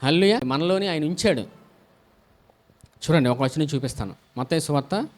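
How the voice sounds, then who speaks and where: Preaching with frequent hallelujahs, this pastor puts questions to the congregation and then supplies the answers himself. His voice is a little high and a little mellow, expressive, and moderately paced.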